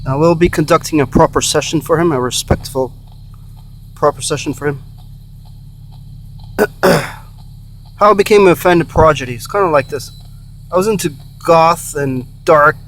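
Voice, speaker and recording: A man hosting a paranormal session in casual, halting talk, repeating himself and breaking off phrases. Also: fairly high pitch, fairly bright tone. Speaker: host of a paranormal spirit box session. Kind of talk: casual rambling vlog talk, addressing spirits and viewers. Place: in or beside a car. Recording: faint hum and noise.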